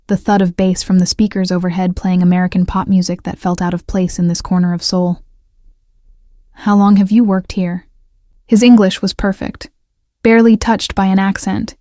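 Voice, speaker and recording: A woman narrating a first-person romance story in an even, measured scripted delivery. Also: medium pitch, no room sound, studio quality.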